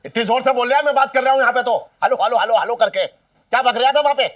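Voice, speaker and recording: An actor playing a short-tempered husband in a sitcom, who scolds in an exasperated way. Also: male voice, very high-pitched, quick pace, recorded from a distance, highs cut off, noisy background. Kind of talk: sitcom acting.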